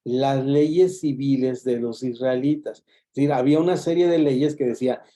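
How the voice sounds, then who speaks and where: A man's voice: mid-range voice, fairly even intonation, normal speed, warm tone. A man teaching a Bible lesson in a classroom, explaining step by step, repeating key points and restarting words as he goes. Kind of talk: classroom lecture.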